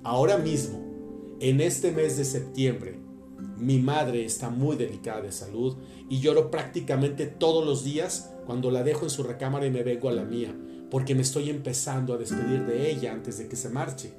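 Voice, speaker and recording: A man's voice: medium pitch, moderate pace, reverberant, over music. A man giving an earnest, intimate spiritual talk that speaks straight to the listener. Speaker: religious speaker.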